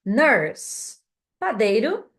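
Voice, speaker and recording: With a slightly high and very animated voice, a young adult woman with a Brazilian Portuguese accent teaches English vocabulary. She calls out words one by one, slowly and patiently, for learners to repeat.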